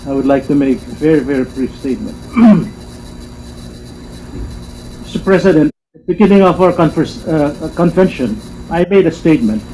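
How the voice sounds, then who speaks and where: Male delegate, formal speech, mellow tone, faint live-stream noise. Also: on the high side, rough recording. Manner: measured, emphatic repetition. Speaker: convention delegate. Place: assembly hall.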